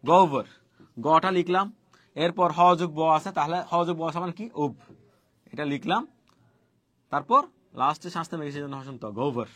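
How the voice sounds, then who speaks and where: A man's voice: a little high, a little fast, long pauses, pushed and bright, no echo. A man teaching pronunciation rules, repeating each point and quizzing his students. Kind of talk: fast spoken online lesson on pronunciation rules.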